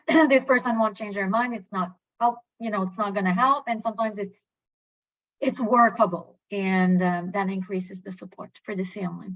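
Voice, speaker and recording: A woman presents at a professional webinar in a mid-pitched voice, pausing often and restarting her sentences. The audio comes through a video call and sounds dull and muffled. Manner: hesitant, many fillers and restarts.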